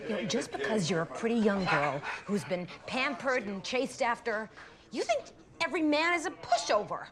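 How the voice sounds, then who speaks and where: An actress playing a weary, jealous middle-aged woman who stammers nervously and swings from hushed to agitated. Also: a little high, sing-song, moderate pace, a crowd in the background. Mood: accusing. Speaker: actor in a film scene. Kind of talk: naturalistic film acting.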